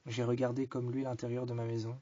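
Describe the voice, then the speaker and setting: A man telling a first-person story, restating each line in slow, repetitive phrasing. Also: medium pitch, completely flat delivery, warm tone. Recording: dull lo-fi recording.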